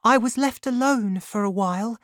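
A woman voicing a frightened young woman who pleads in a high, strained voice. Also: normal speed, fairly bright tone, no room sound, clean studio sound, lightly acted. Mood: earnest.

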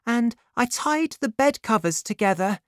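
A woman voicing a frightened young woman who pleads in a high, strained voice. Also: expressive, a little slow, no room sound, clean studio sound. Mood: earnest.

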